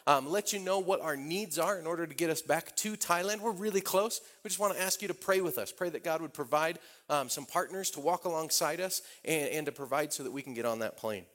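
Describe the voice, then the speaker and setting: A man's voice: fairly high pitch, fairly quick, hardly any pauses, a bit bright. A middle-aged man preaching a sermon, recounting a testimony in a conversational storytelling way with frequent restarts. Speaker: missionary speaker.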